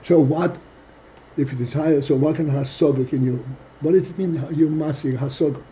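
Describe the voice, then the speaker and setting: A man teaching a text study class, reading Hebrew phrases aloud and explaining them slowly in English, stopping now and then to clear his throat. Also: a little high, fairly even intonation, mellow, lo-fi sound, a little hiss or hum.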